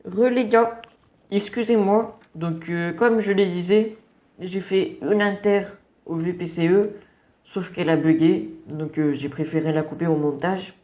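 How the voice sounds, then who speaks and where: A man's voice: high voice, unhurried, lo-fi sound. A man giving casual, slangy running commentary on a game as he plays. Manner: relaxed, slangy, chatty. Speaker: gameplay commentator.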